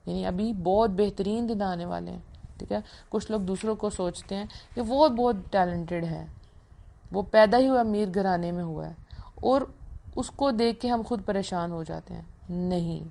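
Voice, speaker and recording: A woman's voice: fairly low pitch, gravelly, warm tone. A young woman giving an earnest religious motivational talk, coaching listeners and mixing English phrases into her speech. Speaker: motivational speaker.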